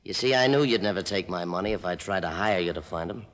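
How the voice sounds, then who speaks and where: A man's voice: low-pitched, fast, a bit bright. An actor playing a smug, taunting male gangster gunman in a 1940s radio crime drama. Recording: reverberant old radio recording, music behind.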